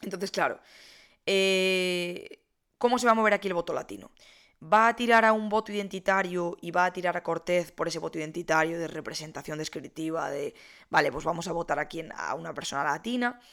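A woman's voice: on the low side, brisk, a bit bright. A young woman, casually explaining politics in a chatty monologue, with many fillers and self-corrections.

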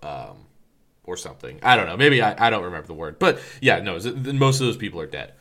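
A man's voice: sits low, very animated, fast, sharp tone. A man co-hosting a casual podcast, rambling with lots of fillers and restarts. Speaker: podcast co-host.

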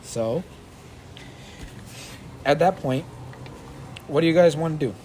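Man, dungeon master, casual, laughs easily, fairly high voice. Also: takes it slowly, warm tone, slight background noise. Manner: casual, laughs often, explains with a few restarts. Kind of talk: running a tabletop game.

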